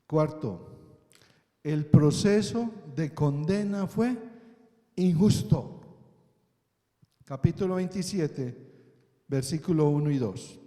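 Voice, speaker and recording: Male pastor, high and mellow, unhurried sermon delivery with frequent questions to the room, long church reverb. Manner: preaching with rhetorical questions and frequent "¿sí?" checks. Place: church hall. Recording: echoey church hall.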